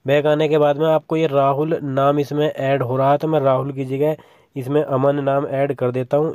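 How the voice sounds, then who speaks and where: This is a young man with a mid-range voice, heard in a studio-quality recording without echo. He hosts a tutorial over a screen capture of his phone, giving steady step-by-step instructions and leaning on the word "simple" frequently.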